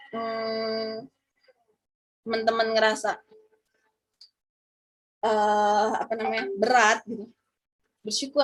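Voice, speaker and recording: High-voiced young woman giving a heartfelt talk. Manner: emotional, gets choked up and apologizes; chatty, addresses listeners directly.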